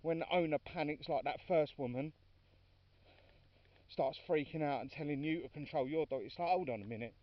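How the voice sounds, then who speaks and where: A man's voice: a little high, fairly even intonation, moderate pace, long pauses, no room sound, far from the mic. A man talking casually while walking his dogs outdoors, chatty and informal, now and then calling his dogs. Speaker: dog walker filming his walk. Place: outdoors on a dog walk. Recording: dry, dull lo-fi sound from off-mic.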